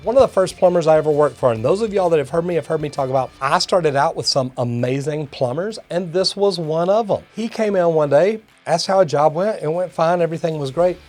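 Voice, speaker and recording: A master plumber from Texas, middle-aged or older, hosts a video reading comments aloud and reacting folksily, calling viewers y'all and guys. His fairly high voice is a bit mellow and brisk, with hardly any pauses, over soft background music.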